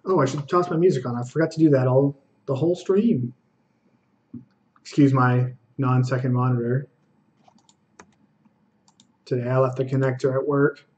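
The recording is lo-fi, carrying a young man's mid-range, steady, darkish voice as he streams a card game. His casual live commentary is self-critical, full of thinking aloud and quick asides as he berates his own plays.

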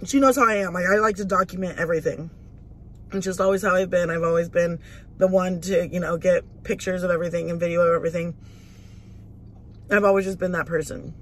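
A woman's voice: lowish voice, fairly even intonation, brisk, a little hiss or hum. A woman vlogger telling a casual story while eating in a car, chatty and full of swearing and "like". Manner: chatty, profane, lots of "like". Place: inside a parked car.

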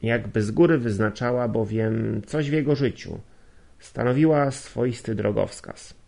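A man reading a novel aloud as an audiobook, steady, with occasional slips he corrects. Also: mid-range voice, measured pace, vocal fry. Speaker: audiobook reader. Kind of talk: audiobook narration.

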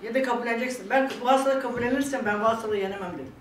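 Older woman chatting fast, tearful. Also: fairly high pitch, recorded from a distance, crowd noise. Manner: tearful and laughing by turns, quoting others. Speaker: vlog guest talking about her illness. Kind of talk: emotional casual chat. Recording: echoey room picked up from afar, faint background noise.

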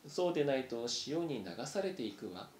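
A man's voice: mid-range voice, very animated, normal speed, a little mellow, a little hiss or hum, natural voice. A man reading aloud, voicing a young female mouse who pleads earnestly, recorded in a roomy space. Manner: pleading, emotional. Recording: roomy echo.

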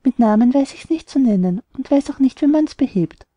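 A woman's voice: high-pitched, lively intonation, fairly quick, mellow, no echo, lo-fi sound. A woman voicing a lovesick, stubborn young man in an audiobook, delivering rhymed verse earnestly. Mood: pleading.

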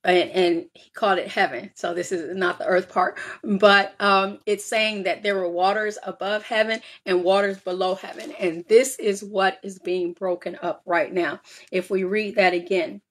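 A woman leading a casual Bible study, reading scripture aloud and then explaining it, checking in with "all right?" and filling pauses with "um". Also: medium pitch, fairly even intonation.

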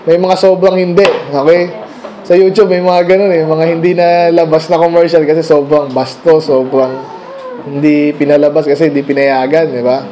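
A man's voice: on the high side, flat delivery, moderate pace, background noise. A man with a Filipino accent, preaching a midweek Bible study sermon in a conversational way, full of rhetorical questions and English phrases. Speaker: pastor. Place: church meeting room.

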